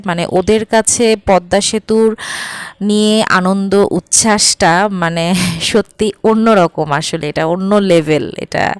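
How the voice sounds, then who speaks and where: A woman's voice: on the low side, clear, resonant tone, no room sound. A young woman from Bangladesh chatting as a travel vlogger, full of fillers and coaxing her viewers. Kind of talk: casual travel vlog narration.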